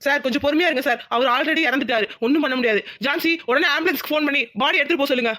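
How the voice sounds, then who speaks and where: A performer voicing a determined male police inspector in a cartoon drama, giving brisk commands. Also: high-pitched, sharp tone, no echo, studio quality. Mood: urgent. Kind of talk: Tamil cartoon drama voice acting.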